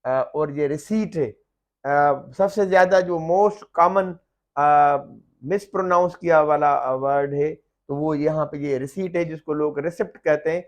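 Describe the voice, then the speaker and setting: Slow, deliberate man teaching English. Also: a little high, steady tone. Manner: slow, deliberate explaining with many "uh" fillers; repeats example words loudly and carefully. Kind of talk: lesson on silent letters in English words.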